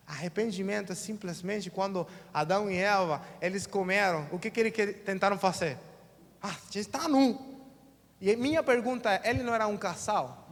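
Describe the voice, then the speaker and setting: High-voiced Brazilian pastor preaching. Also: male voice. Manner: colloquial, acts out quotes in different voices. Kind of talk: sermon. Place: church sanctuary. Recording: long church reverb.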